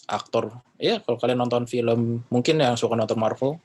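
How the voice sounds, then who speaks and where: A man teaching in a casual, chatty way, relaxed and full of fillers and slang. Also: medium pitch, normal speed. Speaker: English teacher. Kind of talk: casual lesson talk.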